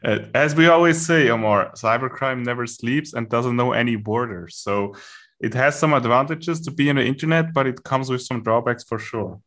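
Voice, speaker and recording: A man with a German accent, a podcast guest explaining things in a steady, casual chat. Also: medium pitch, moderate pace.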